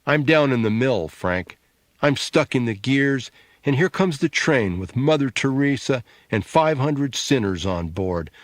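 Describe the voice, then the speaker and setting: A man voicing a sharp-tongued, sarcastic adult sister, needling and scornful, in an audiobook. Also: medium pitch, animated, unhurried, dry recording, studio quality, pitched above the performer's own voice, close to an everyday voice.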